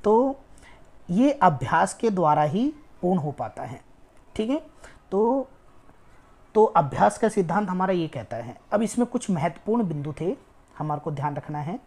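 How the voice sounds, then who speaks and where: A woman's voice: fairly low pitch, very animated, moderate pace, mellow. A woman teaching an online exam-prep lecture, explaining step by step and repeating key words for emphasis. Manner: frequent "ठीक है" checks.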